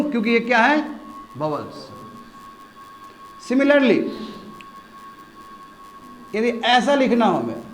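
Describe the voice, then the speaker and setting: High-voiced man teaching a class. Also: fairly bright tone, reverberant. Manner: questioning, drills students repeatedly. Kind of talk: classroom grammar lesson. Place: classroom with students.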